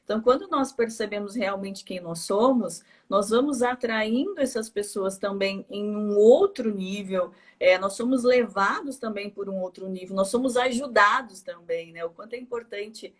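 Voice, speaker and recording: A woman hosts a calm, reflective conversation in a mid-range voice. She speaks softly and often lets sentences trail off with a questioning "né?". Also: mid-range voice, moderate pace, few pauses. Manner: soft, trails off with 'né?'. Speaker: host, family constellation facilitator.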